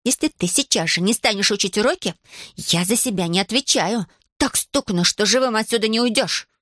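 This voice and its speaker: A woman's voice: medium pitch, a little fast, fairly bright tone, no room sound, clean studio sound, natural voice. A woman voicing a strict, bossy schoolgirl who gives stern commands and threats in an audiobook. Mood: menacing. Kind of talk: audiobook character voice.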